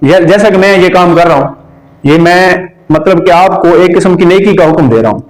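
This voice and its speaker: A man with a somewhat high voice teaches a religion lesson to students gathered in a room. He is patient and says each key term slowly. He often stops to check that the class understands. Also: rough recording.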